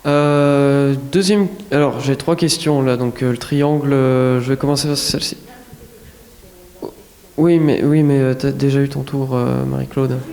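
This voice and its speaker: A man's voice: mid-range voice, steady tone, unhurried, vocal fry, a little mellow. A man moderating audience questions at a public lecture, casual and a little hesitant. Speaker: event moderator. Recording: long hall reverb.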